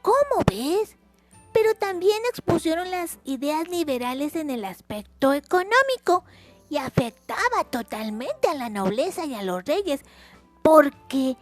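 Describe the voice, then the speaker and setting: A woman's voice: sits high, very animated, unhurried, faint music behind. A woman hosting a simple history lesson for children in a sing-song, chatty way, repeating words for emphasis. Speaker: educational video channel host.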